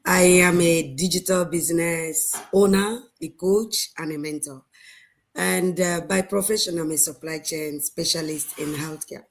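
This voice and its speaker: A woman from Nigeria on an online panel, energetic and emphatic. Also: on the low side, measured pace. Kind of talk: livestream panel introductions.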